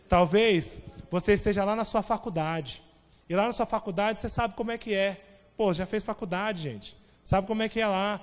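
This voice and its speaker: A young Brazilian man preaching a sermon as pastor, talking in a loose, conversational way and tagging his lines with quick asides. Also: high voice. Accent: Brazilian Portuguese. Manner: conversational, animated preaching with frequent "né?". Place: church sanctuary. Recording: long hall reverb.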